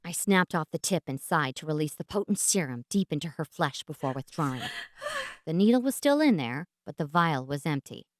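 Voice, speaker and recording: A woman with a fairly low voice reads fantasy fiction as an audiobook narrator. Her delivery is theatrical and deliberate, with dramatic pauses, in a dry, close-sounding recording. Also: expressive, dry recording.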